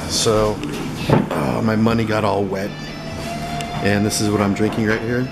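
A middle-aged man vlogging casually from a small pub, talking in a relaxed, rambling way full of ums and uhs, filmed on a handheld camera at arm's length. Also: on the low side, a little slow, vocal fry, rough recording. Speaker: travel vlogger. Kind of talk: casual travel vlog. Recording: loud music behind.

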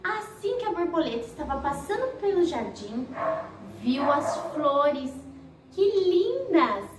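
A woman nursery teacher tells a story for very young children. Her voice is high and lively and she talks slowly, in an exaggerated sing-song. She sounds distant, in an echoey room. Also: background noise. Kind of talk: storytelling for toddlers.

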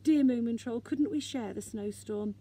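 A woman's voice: fairly high pitch, normal speed, mellow, a little hiss or hum, lightly acted. Sniff, a woman doing a fretful little creature. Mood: pleading. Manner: pleading, wheedling. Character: small greedy fretful male creature.

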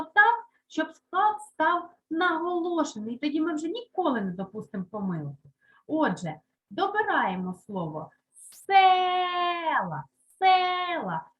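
A woman teaching a primary school language lesson, slowly stressing and repeating words for young children. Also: high-pitched, low-quality recording. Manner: slow, emphatic, repeats words aloud for children. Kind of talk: Ukrainian lesson for third graders.

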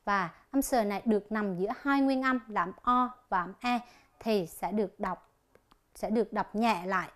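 A woman teaching an English lesson on television, slowly explaining each exercise and reading the answer options aloud. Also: medium pitch, a bit bright.

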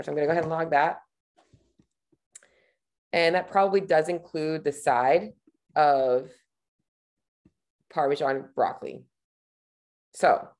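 Low-voiced woman coaching on screen. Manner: casual, chatty, thinks aloud while clicking. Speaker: nutrition coach. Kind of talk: screen-share tutorial.

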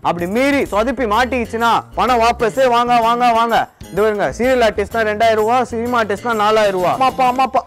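A young man playing a pushy student hustler who rents out fake parents, calling out loudly in a comedy sketch. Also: very high-pitched, soft background music. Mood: hawking loudly. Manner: shouting hawker calls, fast and pushy. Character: loud fast-talking male student hustler renting fake parents. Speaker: rent-a-parent hawker. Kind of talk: Tamil comedy sketch acting.

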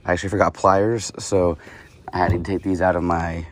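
Deep-voiced man chatting from a kayak. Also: a little fast. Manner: relaxed, chatty, excited when a fish bites. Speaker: fishing vlogger. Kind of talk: casual narration while kayak fishing. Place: outdoors on a lake in a kayak. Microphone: head-mounted action camera.

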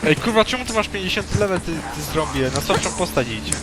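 A man in casual gaming chat, excitable and swearing as he teases his friends. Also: high voice, fast, music in the background. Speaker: gamer.

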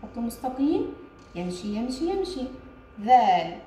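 A woman's voice: high-pitched, very animated, darkish tone, distant mic, slight background noise. Sing-song woman teaching small children. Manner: slow, sing-song teacher talk with lots of praise, mixing in English words. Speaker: kindergarten Arabic teacher. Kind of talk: distance-learning lesson for young children. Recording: very echoey room with faint ambience.

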